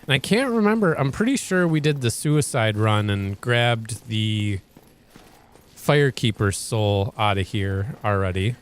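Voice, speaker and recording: A man's voice: fairly low pitch, animated, unhurried, a little hiss or hum. A man hosting a let's play, giving casual gameplay commentary in a rambling, hesitant way with frequent restarts.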